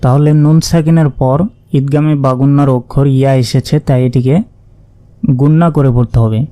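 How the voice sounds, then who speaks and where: A man teaching Quran reading, spelling out Arabic syllables patiently and chanting each word slowly. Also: mid-range voice, fairly even intonation, mellow, dry recording. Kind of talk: spelling out Arabic letter by letter, slow recitation lesson.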